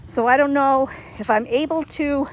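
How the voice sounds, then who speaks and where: A woman's voice: high voice, moderate pace, slight background noise, low-quality recording. A woman chatting casually on a livestream while walking outdoors, a bit winded, rambling and laughing easily. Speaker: livestream host.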